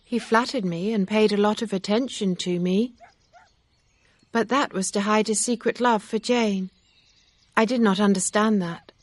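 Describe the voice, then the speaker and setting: A woman reading aloud, voicing an earnest young gentlewoman who speaks with emotion. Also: medium pitch, moderate pace, no room sound, pitched above the performer's own voice, lightly acted.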